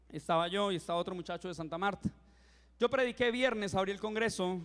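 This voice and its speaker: Animated young man preaching in a hall. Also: high voice. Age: 20s. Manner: animated, acts out his own reactions. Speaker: youth pastor. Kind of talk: sermon with humorous storytelling. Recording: reverberant hall.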